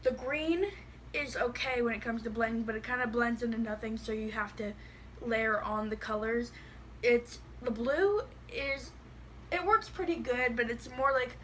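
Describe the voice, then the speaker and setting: A woman's voice: fairly high pitch, fairly bright tone, slight background noise. A woman with a lisp that makes her s sound slushy, chatting casually and bluntly through a product review, rambling with lots of "like". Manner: blunt, rambling, heavy use of "like".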